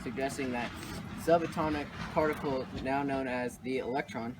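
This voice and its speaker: A man playing a formal English physicist for a school project, reciting slowly. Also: medium pitch, fairly even intonation, background noise, lightly acted. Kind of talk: school project role-play.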